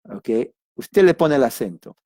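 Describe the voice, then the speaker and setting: Mellow-voiced man teaching Bible study. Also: medium pitch, sing-song, unhurried, no echo, clean studio sound. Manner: conversational, addresses listeners directly with frequent "ok"; emphatic asides and sudden exclamations.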